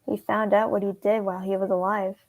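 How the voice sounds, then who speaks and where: A woman's voice: medium pitch, little pitch movement, brisk, no room sound, lightly acted. A woman reading as a worried teenage boy. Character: worried teenage boy confiding about a friend. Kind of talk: reading a fan script aloud on stream.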